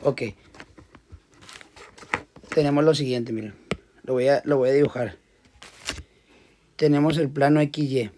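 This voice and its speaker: A man's voice: mid-range voice, fairly even intonation, measured pace, pauses often, dark tone, a little hiss or hum. A man teaching a physics lesson in a casual classroom style. He often repeats words and restarts as he talks through a problem while drawing.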